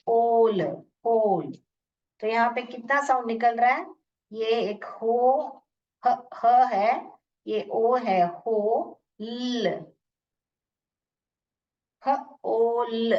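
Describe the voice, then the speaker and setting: A woman with an Indian accent teaching English phonics in an online class, repeating sounds slowly and asking questions. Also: fairly high pitch, a little mellow. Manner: slow, repeats sounds and words, asks questions. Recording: muffled, distant from the mic.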